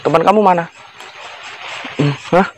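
A man's voice: a little high, unhurried, noisy background. A man arguing insistently as a companion who came along to protect a friend. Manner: insistent, argumentative. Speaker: companion of a visitor. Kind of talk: heated argument.

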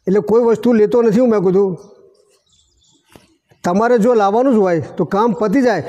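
A man's voice: high-pitched, normal speed, warm tone. A man, a shrine caretaker telling pious stories full of quoted dialogue. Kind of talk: storytelling interview. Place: outdoors at a village shrine.

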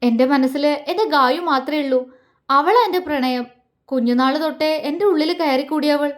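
A woman's voice: sits high, moderate pace, natural voice. A woman voicing a grieving young man. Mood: brooding. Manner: anguished, pleading inner monologue. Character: grieving young man torn between two loves. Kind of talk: audio story reading.

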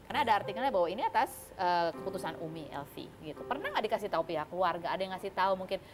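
A woman hosting a television talk show, asking quick probing questions. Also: lowish voice, animated, noisy background.

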